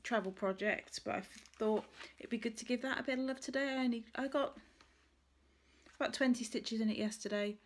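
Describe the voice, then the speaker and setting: This woman's voice is a little high and a little fast. She's a vlogger having a relaxed chat on camera about stitching, wandering between ideas about her crafts and fixing her own words as she goes.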